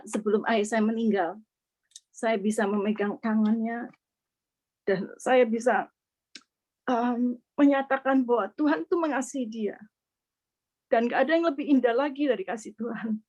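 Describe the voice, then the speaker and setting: A woman's voice: fairly high pitch, darkish tone. A middle-aged woman from Indonesia earnestly sharing a personal faith testimony, slipping English words into her speech.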